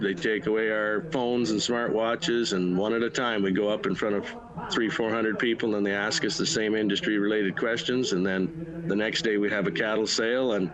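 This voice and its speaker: Plain-spoken Canadian Prairie man, lowish voice. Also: low-quality recording. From Manitoba, Canada. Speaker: livestock auctioneer, interview guest. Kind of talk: casual interview conversation.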